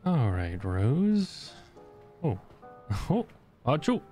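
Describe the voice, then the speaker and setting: A man's voice: medium pitch, very animated, drawn-out words, dark tone. A man hosting a let's play who keeps up a stream of playful, joking remarks. His voice sits in a middle register, and faint game music plays underneath. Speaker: gaming channel host.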